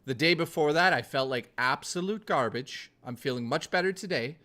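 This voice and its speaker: Bright, profane joking male streamer. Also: a little high, expressive, moderate pace. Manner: reads and answers chat. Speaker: live streamer. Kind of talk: casual live-stream chat.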